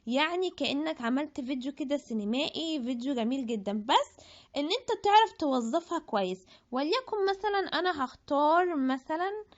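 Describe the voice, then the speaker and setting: A woman's voice: high-pitched, expressive, fairly quick. A woman with an Egyptian Arabic accent giving a chatty app tutorial, thinking aloud and restarting her words. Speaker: tutorial presenter. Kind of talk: screen-recorded app tutorial. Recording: dull lo-fi audio.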